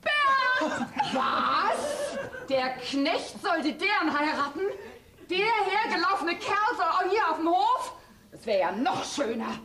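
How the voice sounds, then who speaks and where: A shrill, scheming farmer's wife, as a woman plays her on stage, scolding in a high voice that swings widely. Faint hiss sits under the live stage sound. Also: sing-song, fairly bright tone, exaggerated voice. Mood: indignant. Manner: shrill, scolding, quick to outrage. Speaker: stage actress. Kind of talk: stage comedy acting.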